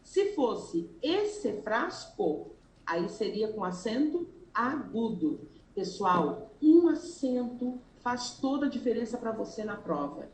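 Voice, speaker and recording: A Brazilian woman teacher talking through a grammar lesson at an unhurried, deliberate pace, her voice sitting a little high. She voices her students' worried questions herself before answering them. The sound is echoey, with faint room ambience behind her. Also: big pitch swings, slight background noise. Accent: Brazilian Portuguese. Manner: explains slowly, acts out students' questions like "Ai, prof". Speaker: Portuguese language teacher. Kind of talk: exam-prep grammar lesson.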